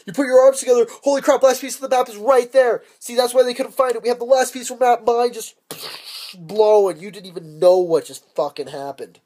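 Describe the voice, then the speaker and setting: A man's voice: high-pitched, fairly even intonation, brisk, warm tone, voice pushed up. A man voicing a brash young woman treasure hunter in a gushing, over-the-top way.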